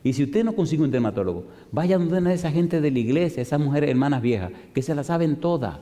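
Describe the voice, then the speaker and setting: A male pastor preaching a sermon, telling a story with animated delivery and rhetorical questions to the congregation. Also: on the high side, quick pace. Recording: long reverb of a large hall.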